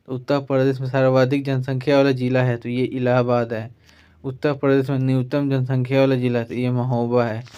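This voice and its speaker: In an online exam-prep lesson, a man reads facts point by point and repeats the same verbal tag after each listed item. His mid-range voice is warm, clear and resonant.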